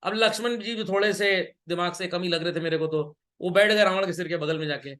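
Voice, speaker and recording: High, bright-voiced male teacher lecturing. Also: fairly quick. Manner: mixes Hindi with English, keeps checking students understood; teases and scolds students playfully. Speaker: business studies teacher. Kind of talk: online class lecture.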